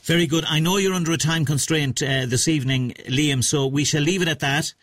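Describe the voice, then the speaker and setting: Measured male radio presenter. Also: on the high side, fairly bright tone, dry recording. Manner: measured, formal questioning. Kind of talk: radio programme interview.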